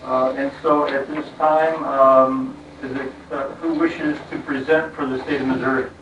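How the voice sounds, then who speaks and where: An American man presiding as a judge, speaking formally but haltingly through a face mask, with frequent hesitations and repeated words. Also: mid-range voice, little pitch movement, dull audio. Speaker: judge presiding over a court hearing. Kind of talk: formal courtroom address from the bench, partly informal. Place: courtroom. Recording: echoey courtroom, distant mic, faint noise.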